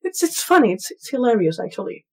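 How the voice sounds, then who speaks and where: A woman's voice: fairly high pitch, big pitch swings, quick pace, darkish tone, breathy edge. A woman co-hosting a podcast in casual chat, wry and explanatory. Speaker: podcast co-host.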